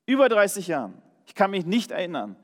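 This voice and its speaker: A man preaching a sermon and sharing a personal testimony, speaking earnestly and emphatically, often checking in with his listeners with a quick "Ja?". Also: high voice, very animated. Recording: long hall reverb.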